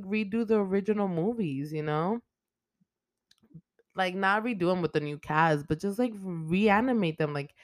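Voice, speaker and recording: A young woman hosting a casual podcast, recapping a movie in a profane, animated way with lots of "like". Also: fairly low pitch, no room sound. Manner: profane, animated retelling with frequent "like". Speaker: podcast host.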